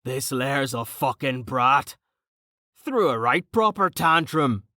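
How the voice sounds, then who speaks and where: A man's voice: medium pitch, lively intonation, takes it slowly, bright, forceful tone, no room sound. Audiobook: male narrator plays a boisterous, swearing brute of a warrior, dry close read. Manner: boisterous, swears, rough slang. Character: brash burly male warrior, crude joker.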